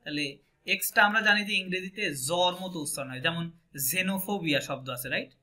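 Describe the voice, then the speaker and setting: A man with a Bangladeshi Bengali accent leads a French lesson and keeps checking that his students follow. His voice is very bright and sits a little high. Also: moderate pace. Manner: patient, asks checking questions often. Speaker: French teacher. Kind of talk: online language class.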